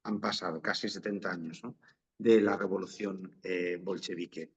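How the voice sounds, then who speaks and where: Male priest, Spanish accent, lowish voice, informal religious explaining, frequent question tags, dull low-fidelity audio. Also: fairly even intonation, normal speed, breathy edge. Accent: Spain.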